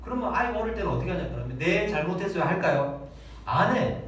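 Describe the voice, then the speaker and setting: A man's voice: high-pitched, very animated, fast talker. A male pastor in his thirties preaching a Sunday sermon, dramatically acting out prayers and children's voices. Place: church hall, large and echoey. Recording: very echoey hall, distant mic, faint noise.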